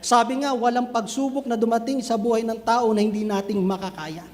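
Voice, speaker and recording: A man with a very high voice preaches an animated sermon and acts out little scenes for his listeners. The sound carries a long reverb, as if from a hall. A faint hum of room ambience sits behind him. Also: fairly quick. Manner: switches between Filipino and English, addresses listeners as brethren. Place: church cell group gathering.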